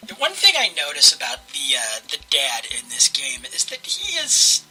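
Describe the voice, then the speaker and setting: A man's voice: on the high side, wildly swooping pitch, normal speed, sharp tone, breathy edge, faint music behind, low-quality recording. A man hosting a let's play, casually commentating and reading game narration aloud.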